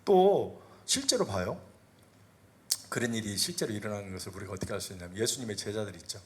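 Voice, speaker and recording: A middle-aged male senior pastor preaching a sermon in a church. He swings between loud, rising exhortation and low, quiet asides, asks the congregation questions and acts out voices from the Bible. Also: expressive, fast, slight background noise. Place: church sanctuary.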